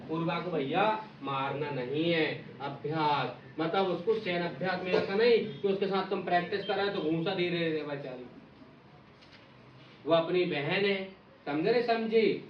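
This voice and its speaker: High-voiced man teaching exam memory tricks. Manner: repeats "samjhe nahin samjhe?" to check understanding; playful, acts out little skits. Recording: echoey, distant, dull audio with faint noise.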